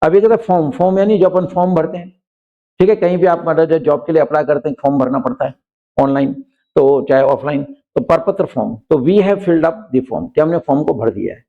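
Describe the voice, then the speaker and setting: A man teaching an English grammar lesson, explaining patiently and reading example sentences slowly, often checking in with his students. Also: on the high side, creaky, narrow, tinny audio. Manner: frequently checks in with listeners.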